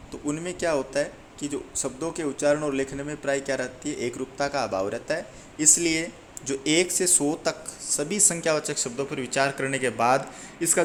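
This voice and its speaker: A man's voice: fairly high pitch, a little hiss or hum. Man teaching Hindi grammar step by step. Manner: explains step by step, often rephrasing and asking and answering his own questions; reads out lists of number words one by one. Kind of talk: explaining a lesson to exam students.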